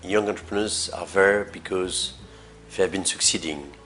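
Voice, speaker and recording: A man with a very low voice explains things in an interview, speaking deliberately and stopping for fillers. Faint music runs quietly under his words. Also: fairly even intonation. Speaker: event organizer interviewee. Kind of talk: interview soundbite.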